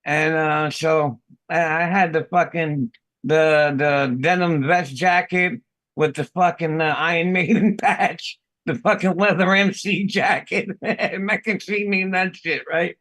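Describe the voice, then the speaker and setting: A man's voice: on the high side, steady tone, measured pace, a bit bright, no room sound. Profane laughing New man. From the Bronx. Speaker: podcast host. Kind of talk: casual chat.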